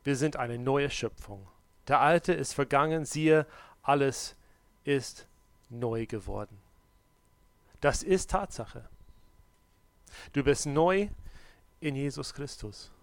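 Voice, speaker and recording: A man preaching a sermon, swinging between loud, urgent exhortation and quiet, close address, with direct questions to the listener. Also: mid-range voice, takes it slowly, long pauses, dry recording. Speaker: pastor.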